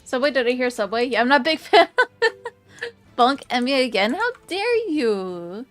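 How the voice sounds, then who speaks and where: A woman's voice: high-pitched, big pitch swings, a little slow, no echo, soft background music. A woman in her twenties chatting casually with her stream viewers, rambling and giggly with lots of fillers. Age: 20s. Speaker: VTuber streamer.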